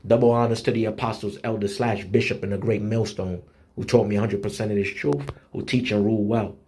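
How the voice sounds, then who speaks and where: A man preaching an online sermon in a blunt, street-style manner, slowing down to read scripture with emphasis and using rhythmic repetition. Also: fairly low pitch, steady tone, a little mellow. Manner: slows down and reads scripture with emphasis.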